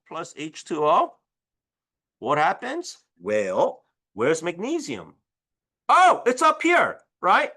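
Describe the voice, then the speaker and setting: A man teaching a high school chemistry class, animated and exclamatory, checking in with "right?" after almost every point. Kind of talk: lively classroom lecture.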